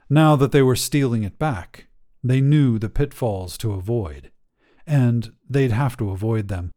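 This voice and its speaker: A man hosting a story podcast, narrating a short story in a calm, measured, scripted way. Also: medium pitch.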